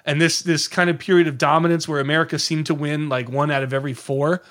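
A man telling a story on a casual podcast in a lively, digressive way, often slipping into the voices of the people he quotes. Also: on the high side, quick pace. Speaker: podcast guest.

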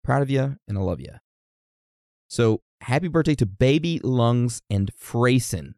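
Male podcast co-host, mid pitch, jokey and casual, dry studio sound. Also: expressive, unhurried, mellow, dry recording. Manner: joking, teasing, easily amused. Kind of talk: casual chat, reading listener messages.

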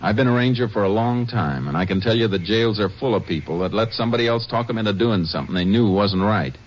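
The muffled, noisy 1950s radio recording carries a man's fairly low, natural voice at a quick pace. He's an actor playing a stern Texas Ranger, seasoned, fatherly yet firm and plain-spoken in the radio western manner, sounding folksy, firm and questioning.

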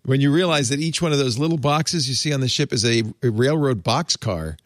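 A man's voice: mid-range voice, brisk, no echo, studio quality. A man hosting a casual tech panel, chatty and emphatic, laughing often. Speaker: podcast host.

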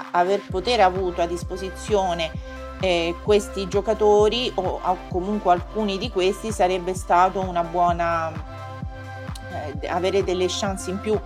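A woman calling in to a radio show by phone, chatting casually and hesitantly, searching for her words with many fillers. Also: lowish voice. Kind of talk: casual phone-in chat about football.

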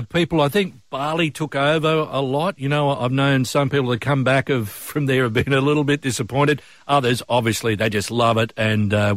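A man's voice: medium pitch, dry recording. An older man with an Australian accent, presenting and chatting as a breakfast radio host. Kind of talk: commercial radio presenting and chat.

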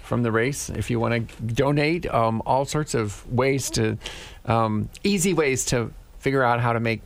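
A man's voice: medium pitch, measured pace. Easygoing male charity director. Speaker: charity executive director, guest. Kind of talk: radio interview.

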